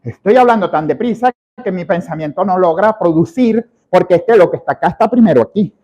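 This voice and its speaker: A man lectures a public speaking class in an animated, expressive style. His voice sits high for a man, and he pushes the volume up and down to stress his points. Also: fairly quick. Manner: animated, imitates filler words, shifts volume for emphasis. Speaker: professor teaching public speaking.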